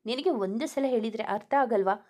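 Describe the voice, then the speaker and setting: A woman's voice: on the high side, moderate pace, warm tone, lightly acted. A woman voicing a young man weighed down by guilt, curt and tearful. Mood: irritated. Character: young man, guilt-ridden and short-tempered.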